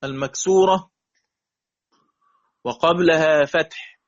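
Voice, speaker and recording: A man with an Egyptian accent teaching Quran recitation in a classroom lesson, drawing out example words slowly and checking often that students follow. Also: on the high side, dull audio. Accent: Egyptian Arabic.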